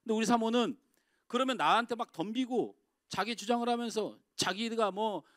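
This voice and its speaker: Emphatic middle-aged Korean pastor preaching. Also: male voice, high voice, normal speed, no room sound, clean studio sound. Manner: swings from loud emphatic outbursts to quiet confiding asides. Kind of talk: sermon. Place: church sanctuary.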